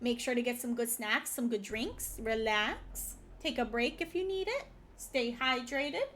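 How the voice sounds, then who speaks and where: A woman's voice: fairly high pitch, a little slow, fairly bright tone, slight background noise. A woman livestreamer chatting casually in a cute anime-streamer style, bubbly and gushing.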